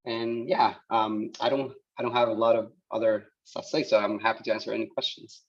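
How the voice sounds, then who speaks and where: A man in his thirties from El Salvador, whose first language is Spanish, talks as a guest engineer on a video call, halting, with many restarts and fillers. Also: lowish voice, flat delivery. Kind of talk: casual talk on a video call. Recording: dull lo-fi call audio.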